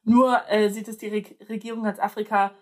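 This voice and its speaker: A woman's voice: medium pitch, level tone, brisk. A young woman chatting casually, hesitating often with fillers and restarts. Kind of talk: casual chat.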